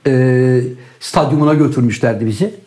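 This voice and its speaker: An older man from Turkey chatting casually, telling animated, joking stories and acting out what people said. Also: medium pitch, moderate pace. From Turkey, grew up in Bursa. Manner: animated joking storyteller, acts out quotes. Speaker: co-host. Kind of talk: casual chat. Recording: roomy echo.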